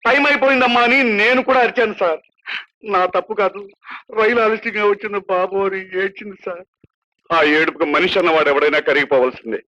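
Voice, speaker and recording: A man's voice: high-pitched, fast, bright, forceful tone. An actor playing a humble, kind-hearted prison constable who talks earnestly and deferentially to his boss, in a film drama with a dull, lo-fi soundtrack. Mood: chatty, deferential.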